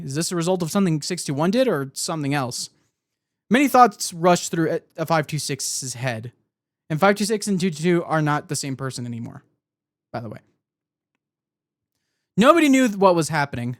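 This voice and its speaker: A man's voice: a little high, very animated, fairly quick, long pauses, no room sound, studio quality. A man telling lore as a streamer, with casual asides and a hesitant, self-correcting delivery. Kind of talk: live storytelling with casual asides.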